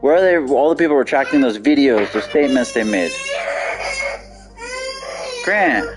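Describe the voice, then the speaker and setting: A man's voice: medium pitch, expressive, fast, music in the background. A man ranting on a live game stream, heated and profane, repeating himself as he argues. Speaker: gaming streamer.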